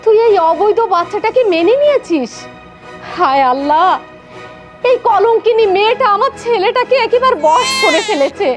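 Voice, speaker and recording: High-pitched, scolding Bangladeshi mother-in-law. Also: animated, normal speed, music in the background. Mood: indignant, demanding. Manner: scolding, haranguing. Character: harsh, accusing mother-in-law, quick to rage. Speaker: actor. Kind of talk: melodramatic short film acting.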